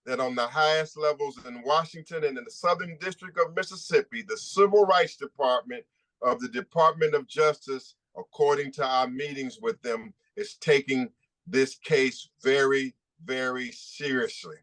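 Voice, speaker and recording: A man's voice: medium pitch, normal speed, fairly bright tone. A man who is a civil rights attorney giving an impassioned, emphatic statement at a press conference, repeating points for stress.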